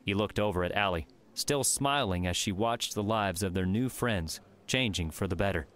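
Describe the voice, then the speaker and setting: A man narrating an audiobook in steady, even storytelling. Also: on the low side, normal speed. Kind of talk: scripted narration.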